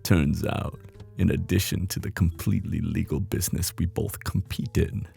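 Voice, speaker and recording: In an intimate ASMR roleplay, a man plays a flirtatious, threatening mob boss, his deep, gravelly voice carrying a teasing, cocky drawl. He sounds smug and businesslike, with dark tone, fairly even intonation, and normal speed. Faint music plays behind him.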